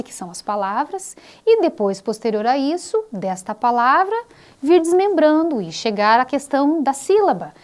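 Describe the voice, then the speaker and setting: A woman with a Brazilian Portuguese accent giving a video lesson to teachers, speaking in a clear, didactic way and stretching out example words. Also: on the high side, darkish tone.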